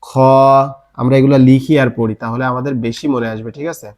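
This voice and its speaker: A man's voice: mid-range voice, fairly even intonation, racing, dark tone. A man from Bangladesh teaching an online Quran recitation class in Bengali-accented speech, drilling letter sounds and answering his own questions.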